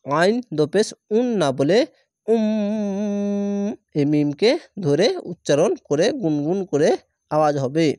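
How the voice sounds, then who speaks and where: A man teaching Quran reading, spelling out syllables slowly and drawing out the recited words. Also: fairly high pitch, a little mellow, no echo, studio quality.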